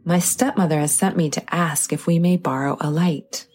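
A woman voicing a gentle young girl who speaks politely and humbly. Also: low voice, moderate pace, husky. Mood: humble.

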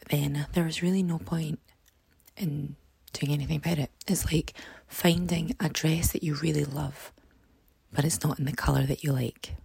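A woman with a low, croaky frog voice speaks a reflective podcast monologue. She is hoarse and heavily gravelled, often fading toward a breathy near-whisper. The sound is close and dry, and her advice is earnest and reassuring. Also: mellow, no room sound. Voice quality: croaky, froggy voice. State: hoarse, voice partly lost. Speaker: podcast host.

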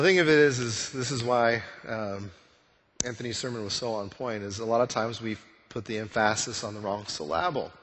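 A man delivers a sermon in a relaxed, conversational way, asking and answering his own rhetorical questions. His voice sits at a middle pitch for a man. The sound carries a long reverb from a church sanctuary. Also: slight background noise. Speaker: pastor.

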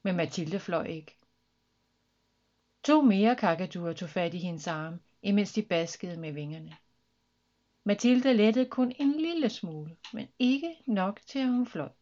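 A woman reads a children's story aloud in a lively, expressive way. Her voice sits at a middle pitch. The recording sounds dull and lo-fi.

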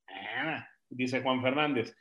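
Man moderating a panel, reads out audience questions, brisk and friendly. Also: medium pitch, fairly bright tone, dull audio. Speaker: host and moderator.

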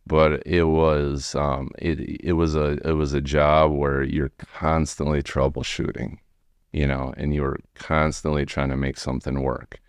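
A man in his forties with an American accent, telling his story casually in a halting, rambling way as an interview guest. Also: rumbling low, level tone, clean tone, dry recording. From United States, Wisconsin. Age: 40s. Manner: rambling, halting, frequent "you know". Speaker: podcast guest, remodeling tradesman.

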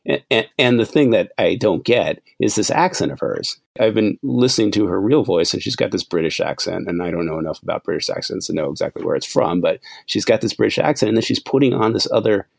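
Male co-host, gravelly, lively, rambling, dry mic. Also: fairly low pitch, brisk, hardly any pauses, no room sound. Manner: laughing, rambling, restarts. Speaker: podcast co-host. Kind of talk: casual chat.

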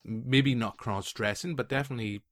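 A man in his late thirties hosting a casual film podcast, telling stories with quick asides and lively restarts. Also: medium pitch, no echo. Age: 30s. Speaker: podcast host.

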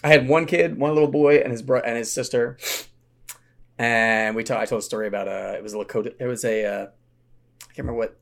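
A man guest on a podcast telling rambling, animated stories from his work as a summer camp counselor. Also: mid-range voice, brisk, vocal fry. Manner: rambling, animated storyteller with restarts. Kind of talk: casual anecdotal storytelling.

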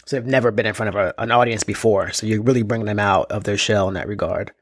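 A man hosting a casual interview, relaxed and slangy, laughing easily between questions. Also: on the low side, fast talker, no echo, clean studio sound. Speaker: interviewer, host.

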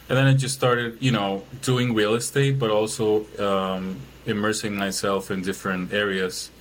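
A man's voice: on the low side, fairly bright tone, a little hiss or hum, low-quality recording. A man from Chile, a guest in an interview, talking casually with many fillers and restarts. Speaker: guest, business owner.

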